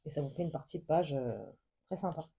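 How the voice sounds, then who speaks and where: Soft, husky-voiced woman gushing over crafts. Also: low-pitched, brisk. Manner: soft, hesitant, many fillers, gushing with endless diminutives. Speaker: craft vlogger. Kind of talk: casual show-and-tell of a book haul.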